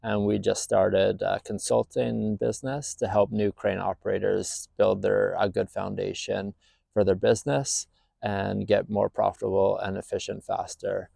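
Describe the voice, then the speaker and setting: A man's voice: fairly low pitch, little pitch movement, normal speed, gravelly, warm tone, slightly rough, no room sound. A man in his thirties from Northern Ireland telling his story as a business owner, plain-spoken with lots of fillers. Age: 30s. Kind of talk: casual personal story to camera.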